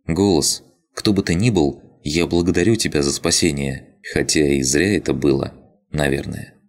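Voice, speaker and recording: A man's voice: very deep voice, moderate pace, creaky. A man voicing a tired young woman who sounds resigned and wryly sad. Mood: weary. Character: weary young woman awaiting her fate.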